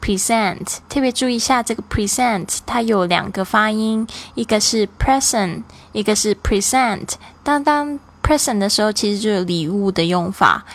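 A woman from Taiwan with a Taiwanese Mandarin accent, teaching English in a cheerful, explanatory way and slowing down for example words. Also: mid-range voice. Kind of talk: online language lesson.

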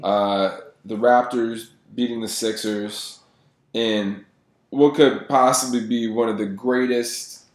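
A man's voice: medium pitch, steady tone, takes it slowly, reverberant. A man hosting a casual sports podcast, laid-back and steering the conversation between topics. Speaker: podcast host.

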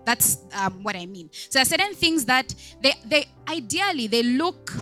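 Bright-voiced woman preaching conversationally. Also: high voice, big pitch swings, moderate pace, faint music behind. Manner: chatty, many "like" and "right?" asides; asks the congregation questions. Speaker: deaconess preaching. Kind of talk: conversational sermon.

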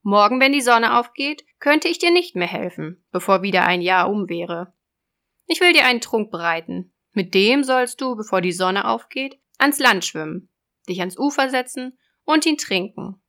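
A woman voicing a cruel, scheming old sea witch in a storybook reading, loud and sneering. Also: medium pitch.

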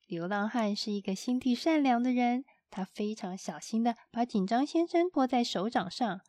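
A woman narrating a children's storybook in a gentle, expressive storytelling manner. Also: on the high side, normal speed.

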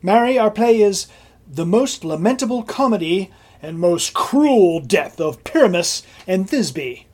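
Fussy male stage director acted part, earnest, officious, coaxing, animated pitch, Shakespearean comedy. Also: measured pace.

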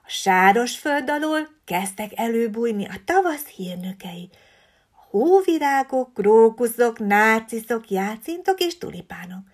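A woman reading a children's story aloud, expressive and often dropping to a breathy hush. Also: fairly high pitch.

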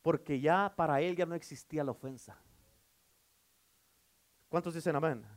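A man's voice: fairly high pitch, moderate pace. A male pastor preaching a fervent sermon, asking rhetorical questions and calling for amens. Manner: fervent, with repeated calls for amen and rhetorical questions.

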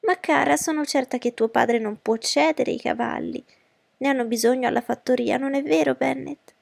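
A woman voicing a fussy, excitable middle-aged mother who talks in an eager, pushy way. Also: high voice, normal speed, creaky, dry recording, voice pushed up, exaggerated voice. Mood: coaxing. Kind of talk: audiobook character voice.

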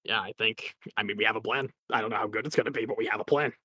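A man's voice: lowish voice, steady tone, racing, bright, forceful tone, husky, no room sound. A man playing a tabletop game, chatting casually with laughs and restarts. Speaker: player. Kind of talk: tabletop role-play chat.

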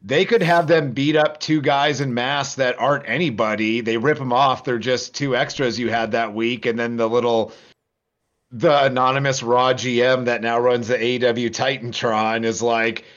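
A man's voice: mid-range voice, fairly even intonation, moderate pace, fairly bright tone, dull audio. A man guesting on a podcast, thinking aloud in casual chat with hesitant restarts.

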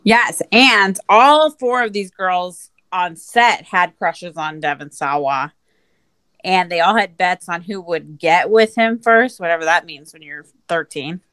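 A woman's voice: fairly low pitch, a little slow, fairly bright tone, clean tone, no room sound. A woman co-hosting a casual movie podcast, blunt and swearing freely. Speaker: podcast co-host. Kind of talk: casual chat.

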